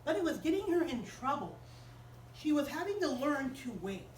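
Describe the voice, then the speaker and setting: A woman telling a story to children in a chapel, animated and asking them questions as she goes. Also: sits high, moderate pace, echoey room, far from the mic, a little hiss or hum, low-quality recording. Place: chapel room.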